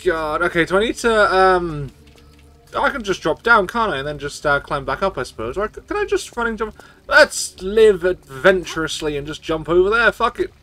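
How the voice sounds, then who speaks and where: A man's voice: sits high, sing-song, normal speed, pushed and bright. A man streaming a video game, swearing and rambling as he gets tipsy from shots. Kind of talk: casual gameplay commentary.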